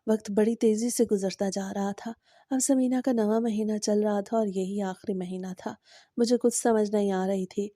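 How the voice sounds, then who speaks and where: A woman narrating a first-person moral story in a steady, even storytelling manner. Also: mid-range voice, no room sound, clean studio sound.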